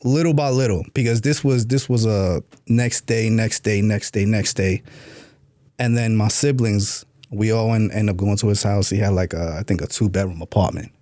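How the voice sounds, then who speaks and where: Speaking on the low side with a dark tone and fairly even intonation, a man from New York, USA, tells his life story as a podcast guest. His pace is moderate and there's no echo. Blunt, streetwise, and quick to swear, he reenacts past exchanges loudly in this candid interview.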